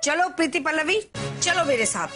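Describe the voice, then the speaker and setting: A doting mother in a TV serial who fusses and scolds with great theatrical flair. Her voice is high and swings widely in pitch. Music plays underneath. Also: animated, normal speed. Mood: coddling. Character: doting melodramatic mother of a grown son. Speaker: mother-in-law.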